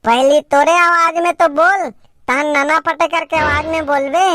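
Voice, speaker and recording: A woman with a Chhattisgarhi accent plays a cheeky pupil in a comedy sketch. Her voice is bright and high, and she talks back to her teacher, while faint music runs underneath. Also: fairly even intonation, normal speed, dry recording, studio quality.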